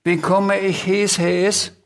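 A man putting on a fretful little blue dragon from a children's storybook, its voice lifted high and drawn out slowly. It swaps every R for an S and sounds plaintive and earnest. It speaks with worried care. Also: little pitch movement, vocal fry, full character voice. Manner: slow, raised, plaintive.

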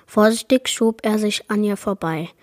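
A woman reading aloud a chapter of a children's fantasy adventure book in a measured narrating manner. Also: mid-range voice, no room sound, studio quality. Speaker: book reader. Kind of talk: storybook read-aloud.

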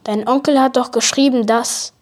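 A woman's voice: on the high side, fairly even intonation, normal speed, lightly acted. A woman voicing a small, angry monster with a saber, speaking in a snapping, outraged way.

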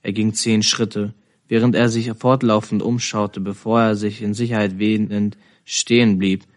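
Low, even-voiced man reading a novel. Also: unhurried. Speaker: reader.

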